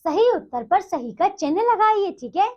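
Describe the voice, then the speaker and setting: A woman's voice: very high-pitched, sing-song, warm tone. A woman teacher leading a primary school Hindi lesson, speaking in a sweet, coaxing tone and often checking in with the children. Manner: slow, sing-song recitation of poem lines. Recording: dull lo-fi recording.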